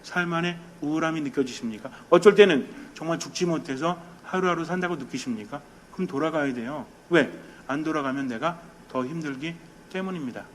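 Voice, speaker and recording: Lively Korean priest preaching a homily. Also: male voice, fairly high pitch, brisk, slight background noise. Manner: lively and conversational, questions the congregation, mimics quarrels; drops to a soft, quiet tone for meditation. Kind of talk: sermon.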